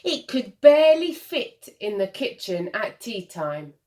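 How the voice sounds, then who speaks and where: In a mid-range, very animated voice with a slightly mellow quality, a woman reads a children's picture book aloud. She sounds like a primary school teacher, expressive, pausing dramatically and emphasizing words for young listeners.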